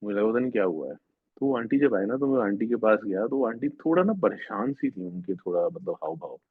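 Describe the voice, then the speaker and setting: A man with a low, breathy-edged voice earnestly recounts a spiritual experience at a devotional gathering, animated and brisk. His story rambles, with frequent restarts. The sound is tinny and phone-like, completely dry with no room sound.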